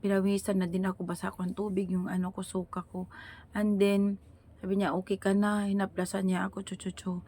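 A middle-aged woman talks straight to her viewers in a loose, rambling vlog style and keeps calling them "guys". She sounds weak and worn out, as if still getting over being sick. Her pitch sits in the middle for a woman. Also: little pitch movement, fairly quick, dark tone. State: weak and tired after being ill. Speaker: vlogger. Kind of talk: casual storytelling to viewers.

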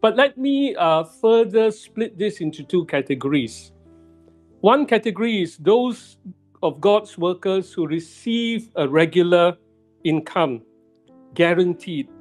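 A middle-aged male pastor giving a sermon in a church, speaking slowly and deliberately and repeating key phrases for emphasis. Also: high voice, lively intonation, soft background music. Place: church sanctuary.

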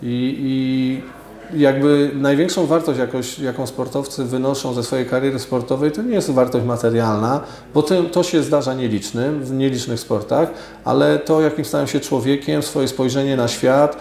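A sports official in his forties answers radio interview questions in a measured, hesitant way, with many fillers. He sits in an office studio with a glass table, recorded on a lapel mic with a roomy echo. His voice is mid-range, steady and darkish.

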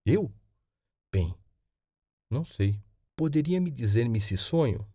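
A man's voice: mid-range voice, big pitch swings, slow, warm tone, slightly rough, no echo, studio quality, exaggerated voice. A man voicing a young boy who asks questions eagerly in an audiobook. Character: young boy, frightened then trusting. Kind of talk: audiobook character voice.

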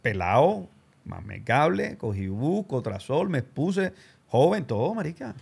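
Gravelly, animated host. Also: male voice, medium pitch, unhurried. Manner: animated, slangy, does voices of people he quotes. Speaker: show host and radio announcer. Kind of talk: casual storytelling interview.

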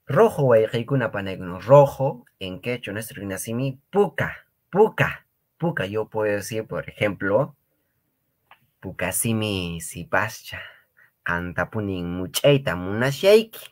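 A man's voice: lowish voice, fairly bright tone. A man teaching a Quechua lesson, patiently repeating each word and checking in with his students. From Peru. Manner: patient, repeats words slowly, often asks "¿ya?" and "¿no ve?". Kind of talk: online language lesson.

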